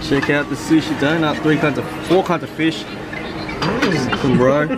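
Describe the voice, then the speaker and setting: A young man filming a casual travel vlog, joking and excitable as he shows food and city sights. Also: on the high side, unhurried. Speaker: travel vlogger. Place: outdoors in busy city streets and shops. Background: loud music over the vlog.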